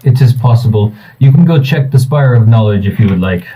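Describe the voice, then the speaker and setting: A man, the game master, voicing a stern male city gatekeeper who lays down the laws slowly and firmly. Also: medium pitch, expressive, mellow, a little hiss or hum, lightly acted, low-quality recording. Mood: formal.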